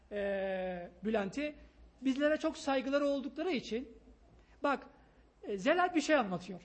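A man giving an emphatic, excitable sermon on parenting, pleading with his listeners in a loud voice. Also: very high voice. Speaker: preacher.

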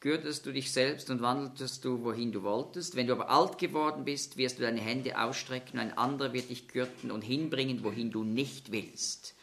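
A man preaching a Bible-teaching sermon, explaining scripture in a measured way and slowing down to stress quoted words. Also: mid-range voice, pushed and bright.

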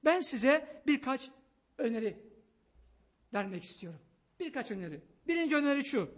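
A man giving an emphatic, excitable sermon on parenting, pleading with his listeners in a loud voice. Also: very high-pitched, moderate pace. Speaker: preacher.

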